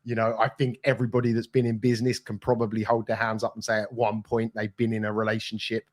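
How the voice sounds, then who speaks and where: A man's voice: fairly low pitch, monotone, fast. A man co-hosting a live business Q&A, answering questions in a friendly, reassuring, conversational way. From United Kingdom. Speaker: podcast co-host.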